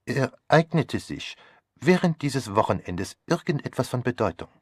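A man reading an audiobook voices a fastidious elderly male detective who asks polite, measured questions. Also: medium pitch, very animated, slightly rough, no room sound, clean studio sound. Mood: probing. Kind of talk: audiobook character voice.

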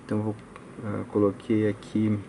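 A man with a Brazilian accent, host of an audio electronics channel, talks through an informal technical tutorial at a work table indoors. His lowish, gravelly, mellow voice stays monotone at a moderate pace as he explains hesitantly step by step, often adding check-in tags. There's a little hiss or hum in the background.

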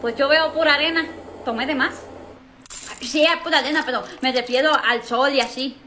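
A young woman carries a comedic sketch in a high voice. She sounds lively and a little exasperated as she reacts to everyone around her. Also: moderate pace, a little hiss or hum. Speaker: comedic storyteller.

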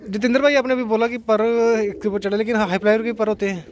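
A man's voice: high-pitched, steady tone, quick pace, background noise. A man hosting a video channel, eagerly asking questions and talking straight to his viewers on a rooftop. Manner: eager, addresses viewers directly. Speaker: channel host and interviewer. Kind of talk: casual video interview.

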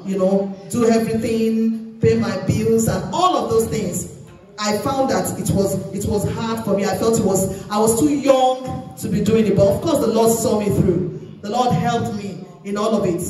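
A middle-aged woman pastor from Nigeria preaches in a church, telling her own story in an animated way and jumping up in pitch to drive a point home. Her voice carries from some distance away from the microphone. The recording is heavy with echo from the hall. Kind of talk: sermon. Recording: echoey church hall, voice from far off.

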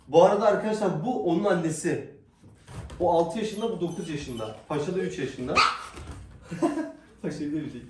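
A man's voice: a little high, a little mellow, distant mic. Man coaxing his dogs, off-mic and echoey. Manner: coaxing, affectionate commands to dogs. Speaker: vlogger with pet dogs. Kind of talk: casual vlog talk to dogs and viewers. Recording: echoey, off-mic, noisy background.

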